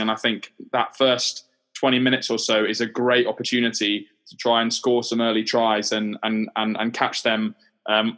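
Man, flat delivery, thoughtful, casual chat. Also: medium pitch. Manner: thoughtful, repeats words while thinking. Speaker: podcast co-host.

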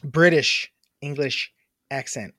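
A woman's voice: rumbling low, slow pace, a bit bright, no echo, clean studio sound. A young adult woman co-hosting a podcast in casual chat. She swears freely, mocks herself and laughs at her own attempts. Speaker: podcast co-host.

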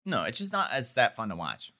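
Bright-voiced man with the hiccups. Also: wildly swooping pitch, a little fast. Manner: easygoing, low-key, reads show plugs. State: has the hiccups. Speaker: podcast co-host. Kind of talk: casual chat.

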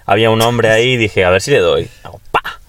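A young man from Spain with a Peninsular Spanish accent, chatting casually as a podcast co-host and telling excitable, boastful stories. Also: lowish voice, quick pace. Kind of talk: casual chat.

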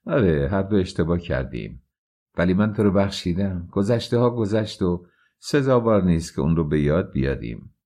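A man's voice: low voice, animated, mellow. A man voicing a proud, defiant young actress and courtesan in an audiobook, speaking frankly and with scorn. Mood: proud, scornful.

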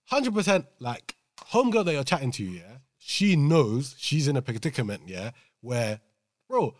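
A man's voice: mid-range voice, very animated, normal speed, dry recording, studio quality. A young man with an urban London accent, arguing his case casually among friends, repeating himself and checking that they follow. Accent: London, urban slang.

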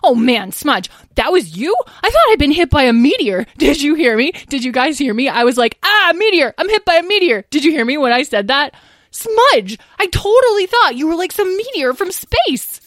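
A boastful young dragon boy yells and rambles in a high, squealing voice that leaps all over the place, as a woman puts him on. His storybook delivery is bright and close to the mic. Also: quick pace, hardly any pauses, no room sound. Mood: excited. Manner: yelling, excitable, rambling.

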